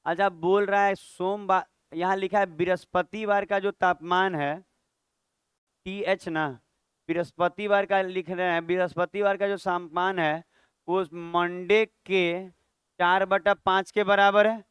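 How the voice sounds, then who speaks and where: A man's voice: high-pitched, flat delivery, unhurried, fairly bright tone, clean tone, no room sound. A man teaching a maths class, chatty and scolding, quizzing students aloud. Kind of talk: classroom lecture.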